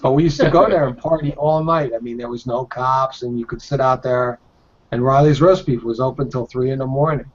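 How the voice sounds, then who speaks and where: A man's voice: medium pitch, fairly even intonation, fairly quick. A man in his fifties from the Boston area, chatting casually and reminiscing with friends, swearing now and then. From Boston area, Massachusetts. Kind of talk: casual chat. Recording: dull lo-fi sound.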